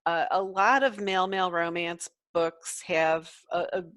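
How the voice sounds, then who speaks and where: A woman author talking casually on a video call, thoughtful and unhurried with fillers. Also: on the low side, fairly even intonation, a bit bright, no room sound.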